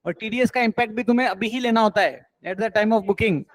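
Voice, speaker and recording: A man's voice: sits high, a little fast, no room sound. A man teaching an accounts class, coaxing and encouraging his students and mixing in English terms.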